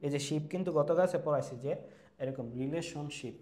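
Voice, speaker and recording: A man's voice: on the high side, brisk, mellow, echoey room, slight background noise. A man teaching an online English class, asking rhetorical questions and checking in with "ঠিক আছে?" after nearly every point. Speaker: English tutor for admission-test students. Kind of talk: online lecture.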